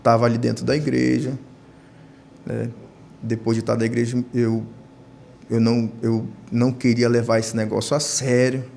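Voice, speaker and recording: A man in his thirties with a Brazilian Portuguese accent, a deacon telling his personal testimony on a church podcast, climbing high in pitch when he acts out his own past words. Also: moderate pace, gravelly, long pauses, slight background noise. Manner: storytelling, rising to high, animated pitch when quoting himself.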